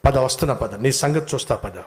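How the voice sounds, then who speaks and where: A man voicing a puzzled, grumbling male lion who was king of the forest, in a gruff manner. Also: medium pitch, fairly quick, pitched below the performer's own voice, lightly acted.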